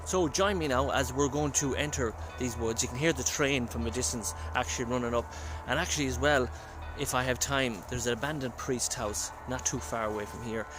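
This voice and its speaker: A man's voice: medium pitch, brisk, few pauses, over music. Irish man hosting a ghost-hunting vlog. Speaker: paranormal investigator and channel host. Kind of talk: casual vlog narration and calling out questions. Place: at a castle and woods. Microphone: phone.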